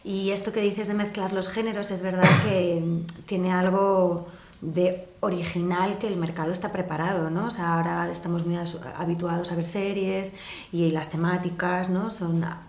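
A woman talks about her work in a relaxed, lively interview, laughing easily and restarting her sentences as she thinks aloud. Her voice sits a little low. The room around her gives a clear echo. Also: normal speed. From Murcia. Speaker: actress in a series interview. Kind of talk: casual interview talk.

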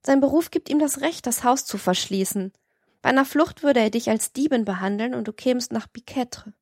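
A woman's voice: on the high side, moderate pace, husky, dry recording, clean studio sound. A woman voicing a worried young woman warning her friend earnestly in an audiobook. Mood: urgent.

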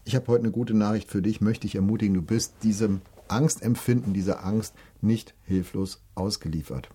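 Middle-aged male preacher, low mellow husky voice, earnest, direct to listener. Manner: earnest, addresses listener directly, reads scripture slowly. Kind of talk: devotional talk, sermon.

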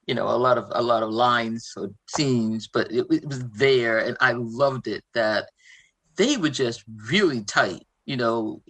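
A woman's voice: extremely low pitch, a bit bright, rough recording. A woman with a Boston accent chatting casually and emphatically as a panelist in a fan discussion. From Boston, United States.

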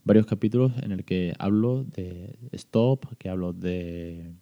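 Deep dark-voiced podcast dad. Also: male voice, slow pace, highs cut off. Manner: chatty, frequent restarts and fillers, explains patiently. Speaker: parenting podcast host. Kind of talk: casual reflective monologue.

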